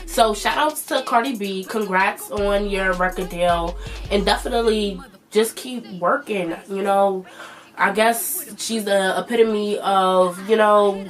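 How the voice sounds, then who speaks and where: A woman in her twenties with a stuffy, nasal voice, chatting loosely as a vlog host with plenty of fillers. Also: mid-range voice. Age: 20s. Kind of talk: casual commentary.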